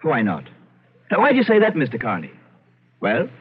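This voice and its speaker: An actor playing an idle, genteel gentleman in an old-time radio drama, polite, theatrical and given to digression. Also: medium pitch, wildly swooping pitch, moderate pace, slightly rough, full character voice. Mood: puzzled. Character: idle, genteel Irish gentleman narrating his eerie tale. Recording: tinny narrowband old radio broadcast.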